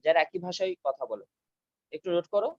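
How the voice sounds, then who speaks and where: A man teaching a class over a video call, repeating key terms slowly so students can take notes. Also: high-pitched, expressive, a little mellow, no room sound, muffled recording. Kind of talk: online class lecture. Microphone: video call mic.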